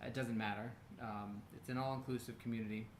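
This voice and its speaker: A man's voice: medium pitch, fairly even intonation, a little fast. An American man co-hosting a casual livestream, rambling and bantering as he goes. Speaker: co-host. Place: indoor room. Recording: roomy echo, faint background noise.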